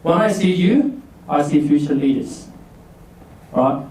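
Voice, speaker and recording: A man's voice: on the high side, expressive, unhurried, darkish tone. A man in his forties from Burma, a leadership coach giving a chatty workshop talk to students and asking them to raise their hands. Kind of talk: casual presentation to students. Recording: echoey room from far off.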